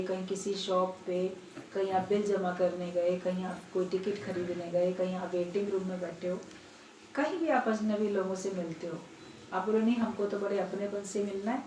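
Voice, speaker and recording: A woman's voice: mid-range voice, darkish tone, slight background noise. Woman giving an earnest spiritual talk. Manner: earnest, instructive storytelling. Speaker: spiritual speaker. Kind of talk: spiritual discourse with a parable. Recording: roomy sound, distant mic, faint ambience.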